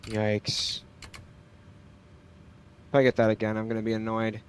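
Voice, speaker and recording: A man's voice: lowish voice, completely flat delivery, a little slow, smooth. A man livestreaming a flight simulator, talking casually and hesitantly as he thinks aloud. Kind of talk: casual livestream commentary with pilot radio calls.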